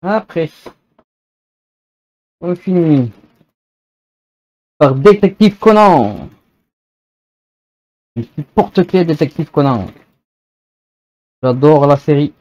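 A man hosting a casual unboxing video, chatting and thinking aloud as he goes, slowing down to read out product text. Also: on the high side, expressive, darkish tone, muffled recording.

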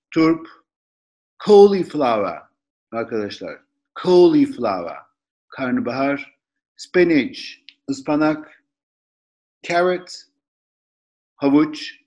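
A man teaching a vocabulary lesson, saying each word slowly and repeating it for pronunciation. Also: on the high side. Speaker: English teacher.

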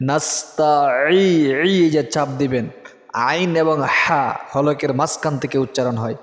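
Man, religious teacher, drawn-out chanted syllables, slightly high voice, echoey room with long reverb. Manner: urgent exhortation, then slow drawn-out chanted syllables. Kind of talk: recitation lesson with repeat-after-me drills.

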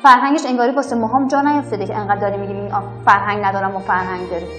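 A woman's voice: mid-range voice, steady tone. Young teacher lady from afghanistan, reflective and earnest, long echo, violin music playing under her. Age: young adult. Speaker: schoolteacher. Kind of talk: documentary interview.

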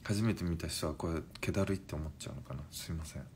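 A man in his forties chatting on a live stream and reading viewer comments, in a languid, drowsy-sounding, unhurried way. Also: a bass voice, a little mellow, a little hiss or hum. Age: 40s.

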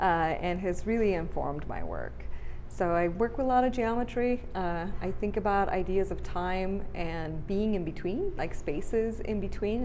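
A woman in her thirties talks through her sculptures in a reflective, unhurried way, pausing often to find her words. She is recorded in a large art gallery with a long, spacious reverb and a faint hum underneath. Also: lowish voice, a little mellow. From Bulgaria. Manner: thoughtful, reflective, with frequent fillers. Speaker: artist. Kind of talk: gallery interview.

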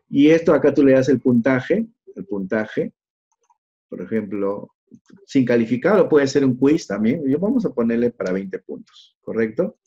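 A man's voice: medium pitch, a little mellow, husky, lo-fi sound. A man running a live online training for teachers, walking through each click aloud and often checking in with the attendees.

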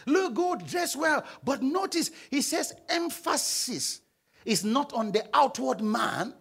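The voice is creaky. A young Nigerian pastor, speaking Nigerian English into a handheld mic, preaches from a large church auditorium's stage, pacing as he prompts the congregation to read along and reply, his delivery swinging between loud stresses and low asides.

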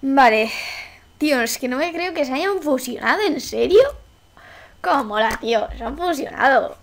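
A woman from Spain with a Spanish accent, giving excitable, exclamatory Let's Play commentary and swearing casually. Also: high-pitched, moderate pace. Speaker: gaming YouTuber.

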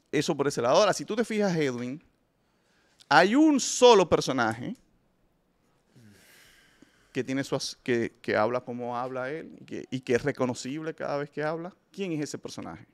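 Male host, slightly high voice, emphatic and opinionated, frequent restarts. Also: animated, normal speed, long pauses. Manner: emphatic, addresses listeners directly, frequent restarts. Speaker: film review show host. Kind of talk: opinionated casual commentary.

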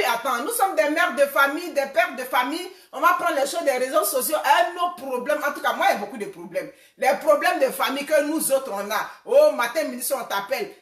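A woman in her forties talks in a loose, conversational way, with a fairly high voice. She keeps retelling what people said to her. The sound is roomy and echoey, and she sits some way back from the microphone. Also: fairly bright tone, recorded from a distance. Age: 40s. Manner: conversational, retelling quoted exchanges. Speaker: social media personality. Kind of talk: casual personal address to a rival.

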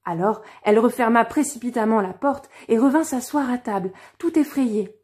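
Woman reading a fairy tale, mellow voice. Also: on the high side, normal speed. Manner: clear, expressive storytelling. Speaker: storyteller. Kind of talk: storybook reading.

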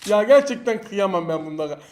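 High-voiced excitable Turkish gamer man. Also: brisk. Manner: excitable, taunting opponents, shouting bursts. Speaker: mobile game streamer. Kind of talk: live gameplay commentary.

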